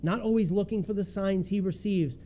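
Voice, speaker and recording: Animated male preacher, dull lo-fi sound. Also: high-pitched, normal speed. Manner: animated, acts out the disciples' pleas. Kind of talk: sermon. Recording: dull lo-fi sound with faint noise.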